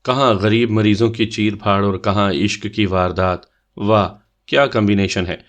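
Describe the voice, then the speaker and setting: A man's voice: fairly low pitch, steady tone, close to an everyday voice. A man voicing a teasing playful young man. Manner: mischievous, bantering.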